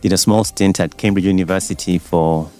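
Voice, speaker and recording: Deep-voiced man explaining calmly. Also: fairly quick, faint music behind. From Uganda. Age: 40s. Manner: relaxed, explanatory, with fillers like um. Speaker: doctor and guest. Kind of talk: radio interview. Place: radio studio.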